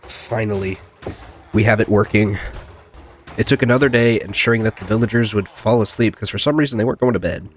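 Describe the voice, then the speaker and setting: This gaming video host, speaking briskly in a fairly low voice, is clearly congested from a cold he's getting over. He rambles casually through the game, talking to himself and to its characters, with a faint hiss or hum in the background.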